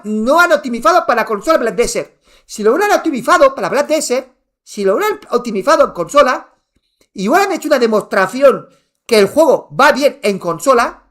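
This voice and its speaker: Guy streaming, fired up and half yelling, voice jumps all over the place, keeps repeating himself. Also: very high voice. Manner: heated, ranting, repeats himself, swears, near shouting. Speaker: gaming streamer answering chat. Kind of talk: live stream rant. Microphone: wearing headphones.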